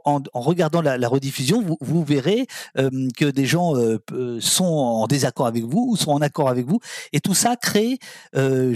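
A man's voice: on the high side, no room sound. Chatty male talk-show host, dry sound. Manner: relaxed, chatty, many fillers. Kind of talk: casual talk-show chat.

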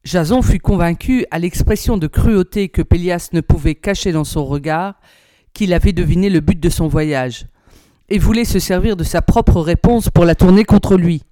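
A woman reading an old storybook aloud in a measured, expressive way. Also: on the low side, dry recording, clean studio sound. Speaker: narrator, reader.

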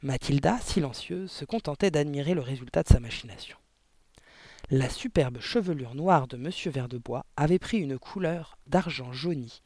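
Expressive audiobook narrator, dry close sound. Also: mid-range voice, dry recording. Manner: expressive storytelling.

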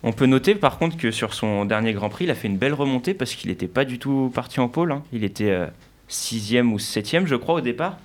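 A man co-hosting a casual sports chat, giving his opinion in a relaxed way. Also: mid-range voice, a little fast.

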